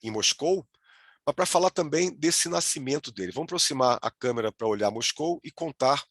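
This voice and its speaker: A man's voice: a little high, lively intonation, moderate pace, fairly bright tone, dry recording, studio quality. A man with a Brazilian accent giving an online lecture as a virtual tour guide, often restarting words and checking in with the audience. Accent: Brazilian Portuguese. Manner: hesitant, with frequent restarts and "né?" checks.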